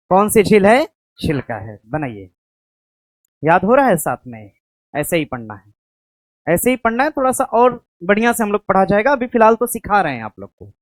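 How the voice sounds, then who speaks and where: A woman's voice: medium pitch, no echo. Woman teacher drilling exam facts. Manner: asks questions and answers them herself, repeating key facts; slow dictation of notes to write down. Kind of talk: exam-prep classroom lecture.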